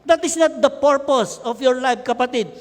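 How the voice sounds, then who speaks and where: A middle-aged Filipino man preaching a lively sermon, joking and shouting with his congregation. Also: very high-pitched, moderate pace. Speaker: pastor. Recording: long hall reverb.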